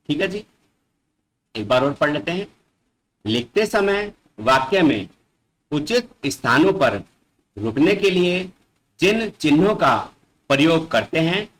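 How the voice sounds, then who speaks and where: A male schoolteacher talks young children through a grammar lesson, unhurried and patient. His pitch sits a little high and swings widely as he stresses key words. He keeps checking that they follow and reads each definition twice. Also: fairly bright tone, rough recording. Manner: patient, addresses the children often and repeats definitions. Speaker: school teacher.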